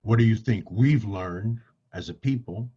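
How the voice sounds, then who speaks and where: A man's voice: lowish voice, unhurried, mellow, lo-fi sound, slight background noise. A man hosting a podcast, introducing his guest effusively and repeating words for emphasis. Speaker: podcast host.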